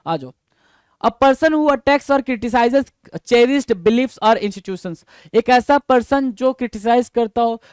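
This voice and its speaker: A man's voice: high-pitched, darkish tone, smooth, no echo, clean studio sound. A man teaching English vocabulary for exam prep, casually quizzing listeners and spelling words out letter by letter. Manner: quizzes listeners with rhetorical questions; casual, calls listeners "bhai".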